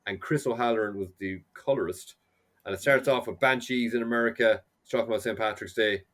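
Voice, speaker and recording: A man's voice: lowish voice, quick pace, a bit bright. A man from Ireland with an Irish accent, co-hosting a podcast in casual, joking chat full of asides. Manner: joking, chatty, talks through asides. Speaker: podcast co-host.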